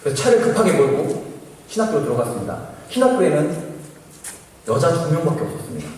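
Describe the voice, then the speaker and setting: Animated young man telling a testimony in an echoing church. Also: on the high side, fast, slight background noise. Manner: animated storytelling, acting out quoted speech. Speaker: apprentice missionary giving testimony. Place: large church sanctuary. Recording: echoey church hall from far off.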